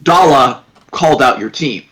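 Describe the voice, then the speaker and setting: Narrating a tabletop game as dungeon master, a man rambles and halts, restarting his sentences again and again. His medium-pitched voice is expressive with a fairly bright tone, captured on a rough recording.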